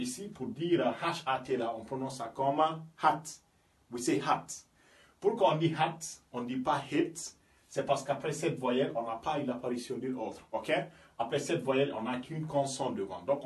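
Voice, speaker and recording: A man's voice: mid-range voice, distant mic. Man teaching a lesson in an echoey room. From Guinea. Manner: explains slowly, often checks with "ok?" and "you understand me?". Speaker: English teacher. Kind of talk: language lesson.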